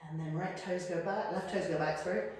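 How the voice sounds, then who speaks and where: A woman's voice: on the low side, fairly even intonation, moderate pace. A woman teaching a guided yoga class, cueing each move on the breath in an encouraging way, at times a little out of breath. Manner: encouraging, cueing moves on the breath with light laughs. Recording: very echoey room, mic from far off. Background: soft piano music.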